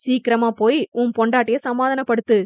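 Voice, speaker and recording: A woman's voice: fairly high pitch, level tone, brisk, no echo, close to an everyday voice. A woman voicing a sarcastic older son-in-law who taunts his rival. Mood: taunting.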